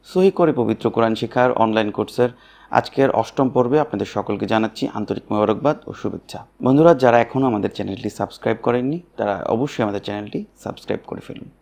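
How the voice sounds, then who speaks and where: A young man teaching Quran reading in a spoken online lesson, slowly spelling out letters and sounding each example louder. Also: on the low side, vocal fry. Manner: slow drilled spelling-out of letters, loud on the examples.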